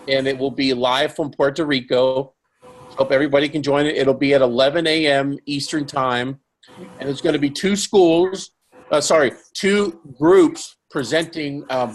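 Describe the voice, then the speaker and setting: A man's voice: fairly high pitch, gravelly. A man hosting a live online webinar, talking casually with many fillers and restarts. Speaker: webinar host.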